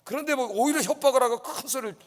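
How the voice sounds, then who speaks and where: A man's voice: extremely high pitch, quick pace. A male pastor preaching in a church and often asking "yes?" to keep the congregation with him. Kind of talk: sermon. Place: church sanctuary. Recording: long reverb in a church hall.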